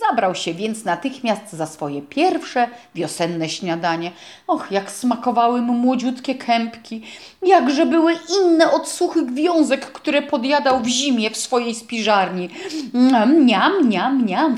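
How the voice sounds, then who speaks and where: A woman reading a children's storybook aloud in a gentle, expressive narrating voice. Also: on the high side. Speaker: audiobook reader.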